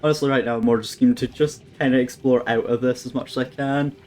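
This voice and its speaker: A man's voice: medium pitch, steady tone, quick pace, darkish tone, soft background music. A man giving casual let's-play commentary, thinking aloud and swearing at the game with wry humour. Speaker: gameplay commentator. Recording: faint background noise.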